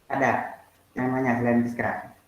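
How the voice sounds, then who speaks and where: A man's voice: mid-range voice, level tone, moderate pace, lo-fi sound. Man, teacher, online class, "nah"-heavy explaining, echoey room. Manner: explains with many "nah" and asides, asks students questions. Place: home, online video class. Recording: roomy echo.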